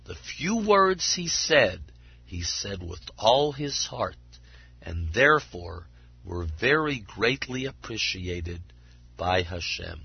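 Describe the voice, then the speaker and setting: A man voicing an old wise rabbi, speaking slowly, low and grave, in a dull lo-fi recording. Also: sing-song, vocal fry, husky, no echo, heavily acted. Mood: solemn. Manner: slow, hushed and grave.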